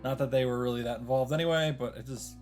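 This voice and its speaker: A let's-play host with a medium-pitched voice reads a visual novel aloud quickly and steadily, adding casual commentary. Game music plays behind him.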